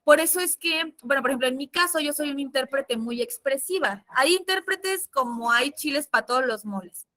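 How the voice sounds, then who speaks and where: A Mexican woman, a sign language interpreter, teaching a casual class in an expressive, chatty way. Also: sits high, normal speed, few pauses. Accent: Mexican Spanish. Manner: lively, expressive, chatty with fillers.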